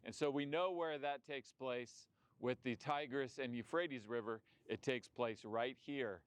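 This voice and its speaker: An earnest middle-aged man with a fairly low voice presents a travel documentary, laying out each point carefully. He grew up in Saudi Arabia. His voice sounds dry and close, with no room around it. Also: a little mellow, no room sound. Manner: earnest, explanatory.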